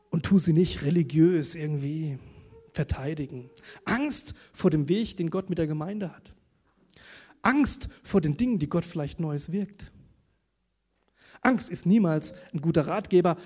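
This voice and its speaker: Husky, high-voiced male preacher. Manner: conversational, animated storytelling with tag questions. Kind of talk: sermon.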